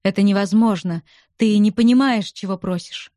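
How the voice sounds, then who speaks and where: A woman reading the part of a reserved, stern male explorer in a low, restrained voice for an audiobook. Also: normal speed, warm tone, no room sound, studio quality, lightly acted. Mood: grave, restrained.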